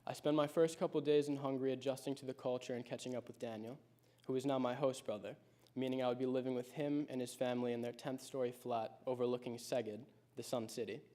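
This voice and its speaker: A high school senior in his late teens gives a prepared personal speech, telling his story in a reflective, measured way. His tone is steady and warm.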